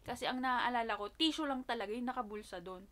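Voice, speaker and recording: Woman vlogger, high bright voice, chatty unboxing talk into a phone camera, drops to soft asides. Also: quick pace. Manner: chatty and emotional, voice softening to near-whisper asides. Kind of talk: casual unboxing chat. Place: home in Japan.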